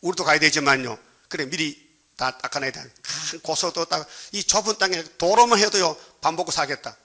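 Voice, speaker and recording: A Gyeongsang Korean pastor delivers his sermon with a tense, ringing brightness. His voice sits a little high for a man. He talks plainly and jokes, throwing questions back at the congregation again and again. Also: brisk. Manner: prods the congregation with constant questions; colloquial, joking preaching.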